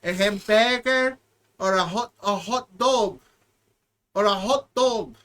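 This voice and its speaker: Man doing a boastful barbecue guy, exaggerated put-on Mexican Spanish accent, slangy, crude, higher voice. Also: a bit bright. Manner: halting, slangy, crude bragging.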